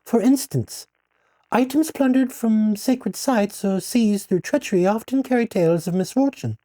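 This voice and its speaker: A woman playing a female archaeologist guest, speaking in a measured, articulate, lecturing way. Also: a little high, mellow, dry recording, lightly acted. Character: female archaeologist, scholarly and composed. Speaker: expert guest.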